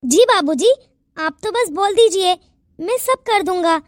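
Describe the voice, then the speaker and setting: A woman's voice: very high-pitched, animated, unhurried, no echo, clean studio sound. A woman voicing a loyal, eager young male servant in a cartoon, speaking respectfully and eager to please.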